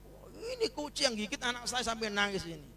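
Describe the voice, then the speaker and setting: A frantic village mother, put on by a male preacher in the middle of a sermon story. She cries out in alarm, high-pitched and urgent. He barely changes his own voice. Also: wildly swooping pitch, fairly quick, sharp tone, slight background noise, heavily acted. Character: frantic village mother, panicked then remorseful.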